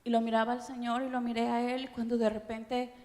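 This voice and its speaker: A middle-aged woman pastor with an Ecuadorian accent, preaching an emotional testimony that swings from hushed to loud. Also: a little high, flat delivery. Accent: Ecuadorian Spanish. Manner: emotional, slow, dramatic shifts from hushed to loud. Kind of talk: sermon testimony. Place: conference auditorium. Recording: long hall reverb.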